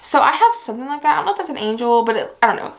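A woman's voice: sits high, expressive, very fast. A young woman chatting casually to camera in a fashion try-on vlog, bubbly and giggly, full of fillers, a little out of breath. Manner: bubbly, giggly, lots of fillers like "like" and "I don't know". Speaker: fashion vlogger.

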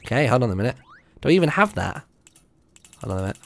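With a gravelly, medium-pitched voice that swings widely, a young British man rattles off fast, chatty commentary on the game he's playing, thinking aloud for viewers. A little hiss or hum sits on the recording from his close stand mic, and game music plays in his home streaming room.

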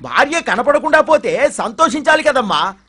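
A man's voice: very high voice, normal speed, very noisy. An actor playing a sarcastic, teasing man who mocks a storyteller and then takes over the tale in a comedic film scene. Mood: storytelling. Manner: mocking, wisecracking, animated storyteller. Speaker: cheeky neighbor telling a comic story.

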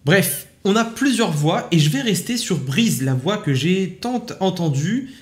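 A man with a slightly higher-than-usual voice talks through an app demo in a relaxed, chatty vlog manner. He walks the listener through each step, sprinkling his sentences with casual fillers. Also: measured pace. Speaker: tech YouTuber testing an AI app. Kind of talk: casual tutorial commentary.

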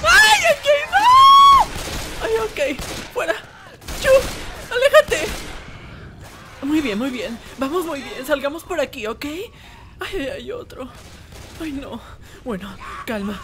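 A woman's voice: high voice, sing-song, slow pace, long pauses, exaggerated voice. A woman voicing Whis, a timid, fussy male angel in a comic fan animation, sighing and shrieking in fright. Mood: panicky excited. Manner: camp, sighs "ay" constantly, shrieks when scared. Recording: game music playing behind the voice.

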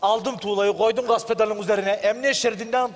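Boastful reckless trucker, high and loud, male comic, live stage. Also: fairly even intonation, brisk, close to an everyday voice. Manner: boastful, tough-guy slogans, rowdy. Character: reckless macho truck driver, middle-aged man. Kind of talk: stage sketch comedy. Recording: live stage, hall reverb.

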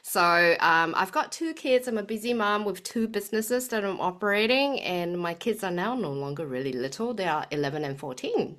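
A woman's voice: medium pitch, animated, normal speed, few pauses, fairly bright tone. A woman in her forties from Singapore with a Singaporean accent and a slight New Zealand tinge, chatting as a podcast guest with frequent fillers. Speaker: guest, health coach. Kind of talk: podcast interview.

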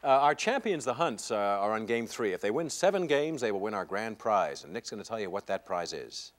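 A man's voice: lowish voice, sing-song, a little fast. A man hosting a studio game show, with a wry, conversational manner and joking asides. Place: television studio. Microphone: lapel mic.

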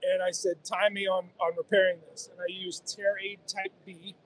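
A man's voice: sits high, little pitch movement, moderate pace, a little hiss or hum. A man in his forties explaining kayak gear with enthusiasm, interviewed on a phone in a busy convention hall. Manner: enthusiastic, explanatory, gestures while talking. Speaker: guest kayak angler. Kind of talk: casual trade-show interview. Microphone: handheld phone held by interviewer.

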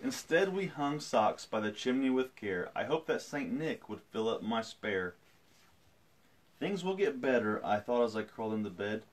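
Playful dad in his 30s reading a kids book on a stream, super lively bouncy pitch, little jokes in between. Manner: playful, breaks off for jokey asides; swings pitch widely, jumps high for quoted voices. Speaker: father reading to his daughter. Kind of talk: live-streamed storybook reading.

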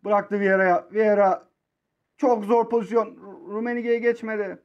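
Excitable young man calling his own match. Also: normal speed, dull audio. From Turkey. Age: 20s. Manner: excitable, swings between low muttering and shouting. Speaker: mobile football gamer. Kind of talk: live commentary over his own match.

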